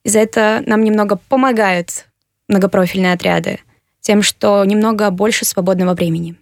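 An eighteen-year-old woman from Kyrgyzstan answering interview questions earnestly, pausing with fillers as she thinks. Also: medium pitch, fairly even intonation, no echo, studio quality. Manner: earnest, measured, with hesitant fillers. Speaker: interviewee, university applicant.

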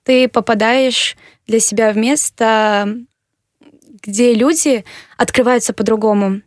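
An eighteen-year-old woman from Kyrgyzstan answering interview questions earnestly, pausing with fillers as she thinks. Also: fairly high pitch, steady tone, no echo, clean studio sound. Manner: earnest, measured, with hesitant fillers. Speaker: interviewee, university applicant.

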